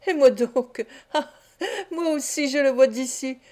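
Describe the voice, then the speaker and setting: An excitable young pickpocket, quick to lament his friend's fate and just as quick to brag, as a woman reads him aloud in an audiobook. The voice sits a little high. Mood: eager. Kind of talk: audiobook character reading.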